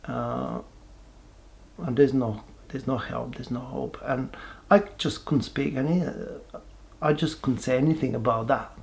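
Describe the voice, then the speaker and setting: A man, giving a halting, reflective personal testimony with many pauses and restarts. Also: medium pitch, steady tone, creaky, a little mellow. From Bulgaria. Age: 40s. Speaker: person sharing his life story.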